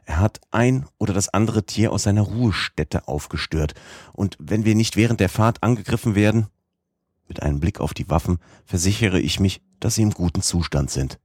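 Audiobook narrator: man, very low voice, measured first-person reading, dry close sound. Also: a little mellow, dry recording. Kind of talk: scripted narration.

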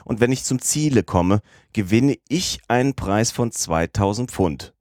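A man's voice: expressive, a little slow, darkish tone, no echo, studio quality. A man playing Fix, a crafty police detective. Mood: coaxing. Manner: low-voiced, coaxing, insistent. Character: crafty English police detective, middle-aged man, persuasive.

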